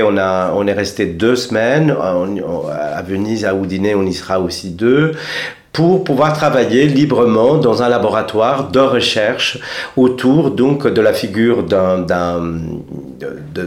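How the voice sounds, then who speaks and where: Hesitant man in an echoey room. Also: fairly low pitch. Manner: hesitant, rambling with many fillers. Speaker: theatre director. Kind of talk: interview.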